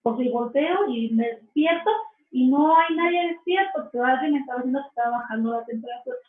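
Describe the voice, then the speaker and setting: A woman telling her faith testimony in an interview, earnest and slow, often restarting her phrases. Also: high voice. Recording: echoey, distant, phone-like sound.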